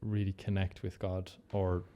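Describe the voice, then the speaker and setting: A man with a low voice and a west of Ireland accent speaks as a guest in a casual interview. He comes from Galway and talks in a conversational way. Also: completely flat delivery, measured pace, mellow, dull audio.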